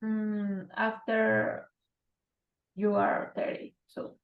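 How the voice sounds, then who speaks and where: Woman from mexico, student, gravelly, flat, echoey dull call audio. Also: mid-range voice, drawn-out words, soft background music. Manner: hesitant learner English.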